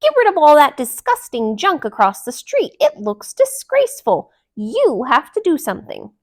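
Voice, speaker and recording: Lady doing a bossy girl duck from a kids book, loud n high, exclaiming and ordering everyone about. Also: wildly swooping pitch, moderate pace, heavily acted. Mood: indignant, bossy. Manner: exclamatory, emphatic, commanding. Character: bossy, demanding female cartoon duck, easily outraged.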